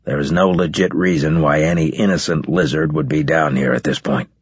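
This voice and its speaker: A man voicing a stern male military officer who gives clipped, curt orders, with a husky voice. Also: a bass voice, steady tone, a little fast, no room sound, muffled recording, voice pushed down.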